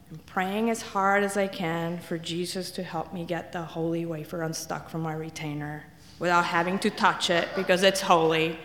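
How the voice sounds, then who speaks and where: In an echoey church hall, a guest speaker from Italy with Italian as her first language offers a humorous personal testimony. Her voice is fairly low and a bit bright as she pokes wry fun at herself in her stories.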